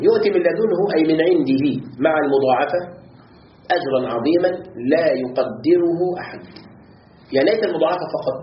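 A man teaching a lesson on Quran commentary. He often asks his students questions and repeats words to drill them. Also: a little high. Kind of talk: classroom lesson. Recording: roomy, slightly dull recording with faint background noise.

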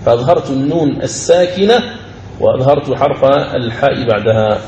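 A man teaching the rules of Quran recitation in a recorded lecture. He explains each rule step by step, repeats key phrases, and slows into a chanted recitation for each example verse. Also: medium pitch, expressive, mellow, muffled recording. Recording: roomy recording with faint ambient noise.

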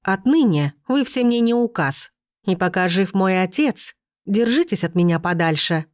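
A woman's voice: medium pitch, lively intonation, moderate pace, dry recording, studio quality, natural voice. A woman voicing a defiant young noblewoman who speaks in a firm, cold, steely tone. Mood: threatening.

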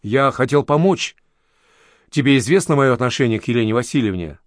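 A man's voice: mid-range voice, animated, brisk, no room sound, clean studio sound, natural voice. Man voicing an earnest young coworker. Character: young red-haired male coworker, eager to help.

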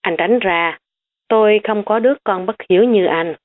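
A woman's voice: medium pitch, moderate pace, pitched above the performer's own voice, natural voice. A woman voicing a strict, worn-out middle-aged mother who snaps at her son. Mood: angry. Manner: sharp then tired. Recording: tinny phone-like recording.

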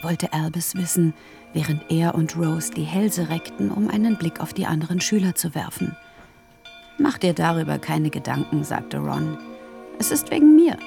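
A woman reads a novel in a calm, measured storytelling voice. Her tone sits low with a gravelly edge, and music plays clearly underneath. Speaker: narrator reading a novel. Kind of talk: literary reading.

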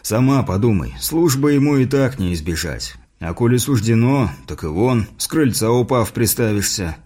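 A man voicing a stern middle-aged father and war veteran in an audiobook, speaking low and curt. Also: animated, normal speed, darkish tone, natural voice. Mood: gruff.

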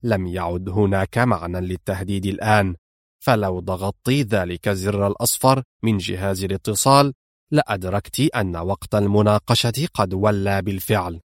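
A man voicing a cold, commanding male spy mastermind who speaks calmly and menacingly in a spoken-word thriller. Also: sits low, a little fast, no room sound, clean studio sound, pitched below the performer's own voice, close to an everyday voice. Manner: calm, clipped and menacing.

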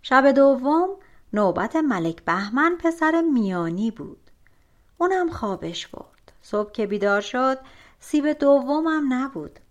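Woman narrating an audiobook of folk tales, lively swoopy delivery, kinda high pitched. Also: lo-fi sound. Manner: expressive, animated storytelling.

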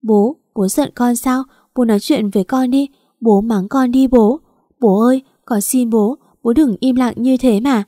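A woman's voice: on the high side, moderate pace, warm tone, no echo, studio quality, natural voice. A woman voicing an unhappy young wife, tearful and pleading.

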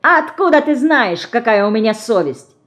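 Woman reading as a street teenage boy, crude, sneering, mocking, threatening, higher than her own voice, audiobook. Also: sing-song, moderate pace, a bit bright. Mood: rude, mocking.

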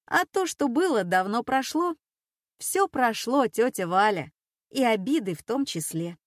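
A woman reading a polite, cautious young woman in an audiobook, speaking softly and conciliatorily. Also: on the high side, lively intonation, a little slow, no echo, clean studio sound, pitched above the performer's own voice. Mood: conciliatory. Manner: soft-spoken, conciliatory. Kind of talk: audiobook character voice.

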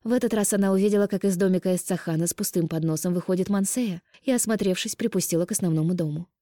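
A woman reading a novel aloud in a steady, measured audiobook narration. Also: on the low side, no echo, clean studio sound. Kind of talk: scripted narration.

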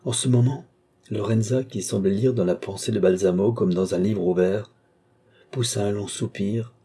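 A man narrating a classic novel as an audiobook, in measured, expressive storytelling. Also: deep voice, slightly rough. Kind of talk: scripted literary narration.

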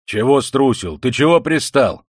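A man reading the part of a surly yard-keeper in an audiobook, firing curt, gruff questions. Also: sits low, moderate pace, no echo, studio quality. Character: surly male yard-keeper, growing angry.

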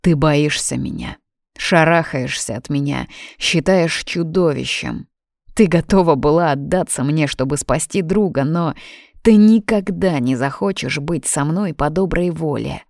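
A strong young king, worn down and tormented, from a read-aloud storybook, read by a woman. He speaks low and quietly with a heavy restraint. The voice is gravelly in a dry, close recording. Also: a little slow, no echo. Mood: weary.

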